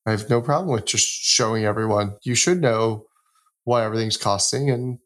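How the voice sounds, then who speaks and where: A man co-hosting a casual tech podcast, relaxed and loose in delivery, leaning heavily on fillers as he thinks aloud. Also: fairly low pitch, normal speed. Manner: relaxed, loose, heavy on "you know" and "like". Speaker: podcast co-host.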